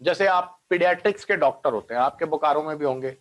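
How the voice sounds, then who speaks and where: The recording has a lo-fi sound, and the man's voice is on the high side and quick. He's a biology teacher holding an online class, explaining each step, sprinkling in English science terms and regularly checking comprehension.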